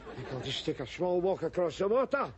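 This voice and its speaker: A man's voice: high voice, big pitch swings, fast, over a noisy crowd, very noisy. An actor playing a belligerent, mouthy middle-aged working-class man from Glasgow, with a strong Glaswegian Scottish accent, ranting sarcastically in a TV sitcom. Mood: scornful. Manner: ranting, sarcastic, bursts of jeering shouts. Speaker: sitcom lead character. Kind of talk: television sitcom acting.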